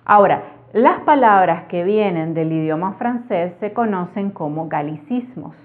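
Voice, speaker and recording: A woman with a Latin American Spanish accent, teaching a language lesson and explaining each point clearly and methodically with examples. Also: on the low side, expressive, measured pace. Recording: narrow phone-like audio.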